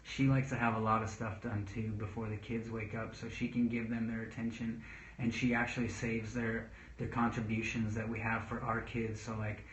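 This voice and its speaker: A man in his thirties, a father giving casual parenting talk to camera, earnest and rambling, pausing to read viewer questions. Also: on the low side, level tone, a little hiss or hum. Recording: echoey room, dull lo-fi sound.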